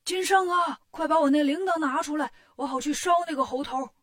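A woman's voice: fairly high pitch, fairly quick, fairly bright tone. A woman voicing a sly, bullying male demon king in a storybook tale, blustering and scheming. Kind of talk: storybook character voice.

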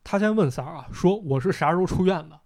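A man's voice: a little high, expressive, fast talker, darkish tone. A man hosting a podcast, casually retelling a story and voicing the characters' lines as he goes. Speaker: podcast host.

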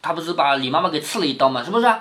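A man's voice: fairly high pitch, expressive, rapid-fire, a bit bright. A middle-aged man reading a classic novel aloud to his daughter and explaining it, often asking "right?" and acting out the quoted lines. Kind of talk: explaining story to a child.

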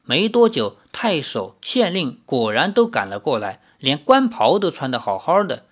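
A reader narrating a novel in a lively, expressive storytelling manner. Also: medium pitch, moderate pace. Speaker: audiobook reader.

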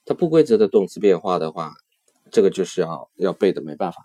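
A male language teacher explaining grammar in a deep voice, recorded dry and close. He is patient and slows down to repeat key verb endings several times. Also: sing-song, warm tone, no room sound.

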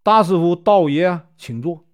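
A northeastern guy doing a humble old rich man, bowing and scraping with words, slightly high voice. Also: animated, moderate pace. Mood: courteous. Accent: Northeastern Mandarin. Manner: polite, deferential. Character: courteous elderly male landlord, grateful.

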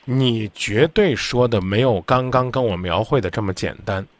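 A man's voice: mid-range voice, moderate pace, dry recording. A man hosting a radio call-in advice show, talking bluntly and insistently, lecturing the caller.

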